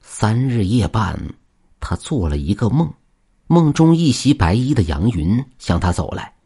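A male storyteller reading a folk tale with a husky, low-pitched voice. His delivery is expressive, moving from quiet passages to lively ones with a pitch that swings widely. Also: a little slow. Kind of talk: scripted narration of a folk tale.

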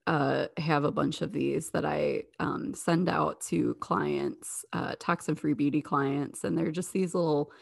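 A woman guest chatting on a podcast, with a very low voice and a gravelly fry running through her words. She talks in a friendly, slightly hesitant way, and the sound is close and dry. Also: lively intonation, unhurried, hardly any pauses, no echo. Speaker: guest, wellness and skincare seller. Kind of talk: casual chat.

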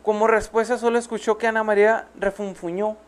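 A woman's voice: medium pitch, little pitch movement, brisk. A woman with a Mexican accent, co-hosting a true crime podcast, reading the case aloud and breaking off for playful asides. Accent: Mexican Spanish. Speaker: podcast co-host.

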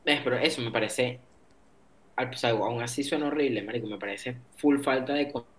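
A man co-hosting a casual gaming chat in relaxed, slangy banter. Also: medium pitch, brisk. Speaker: podcast co-host.

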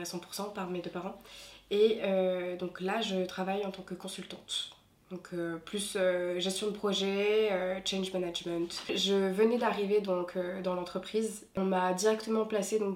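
A young woman in her twenties, a consultant recounting her experience in a measured way with frequent fillers. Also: medium pitch. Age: 20s. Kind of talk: testimony to camera. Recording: echoey room.

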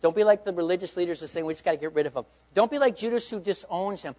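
A high-voiced pastor preaches a sermon at a racing pace, swinging emphatically between loud urging and hushed asides. The recording is lo-fi with a dull sound.

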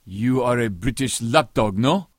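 For an audio drama, an actor voices a proud Somali pirate who is stern and scornful and speaks stiff, formal English that isn't his first language. His mid-range voice has lively intonation and a measured pace, recorded in studio quality with no echo.

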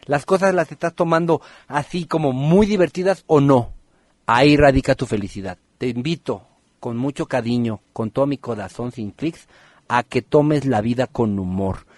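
A man's voice: medium pitch, normal speed, a little mellow, no room sound. A man hosting a radio podcast, giving live numerology readings and firing teasing questions at listeners by name.

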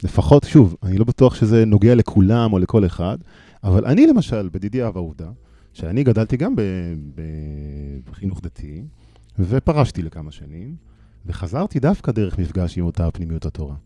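A man in his thirties, a panel guest, speaking thoughtfully and telling parables with pauses into a handheld microphone. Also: sits low, big pitch swings, mellow, no echo. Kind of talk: reflective panel discussion.

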